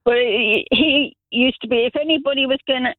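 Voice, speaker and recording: This radio caller, a middle-aged Zambian man, has an extremely high pitch and a brisk delivery, with no echo on the tinny phone line. His casual call-in chat wanders through rambling anecdotes that keep restarting.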